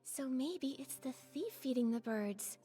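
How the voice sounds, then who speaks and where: A woman voicing an earnest, thoughtful young detective heroine in gentle, measured scripted game dialogue. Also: high-pitched, animated. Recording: game music behind.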